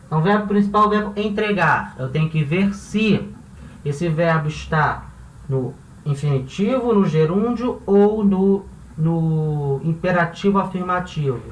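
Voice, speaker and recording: A male Spanish teacher gives a classroom-style grammar lesson, explaining step by step and posing rhetorical questions along the way. His high-pitched voice has lively intonation and a measured pace, recorded on a roomy, slightly distant mic.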